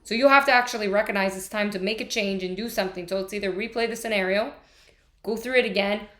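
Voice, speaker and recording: This woman talks fast at a medium pitch, her voice a bit bright. A vlogger, she rambles candidly and profanely in stream-of-consciousness fashion, restless, repeatedly starting over and letting thoughts trail away.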